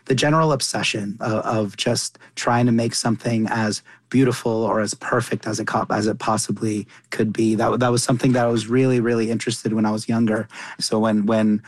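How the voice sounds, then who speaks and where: A young Qatari chef and cookbook author speaks earnestly as a radio interview guest, frequently restarting sentences and repeating words. His voice is mid-range, and the recording is dry.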